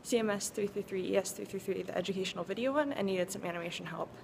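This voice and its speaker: A woman's voice: medium pitch, racing, vocal fry, noisy background. A young woman, a student and teaching assistant, narrating her day casually to camera with fillers. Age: young adult. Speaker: student vlogger.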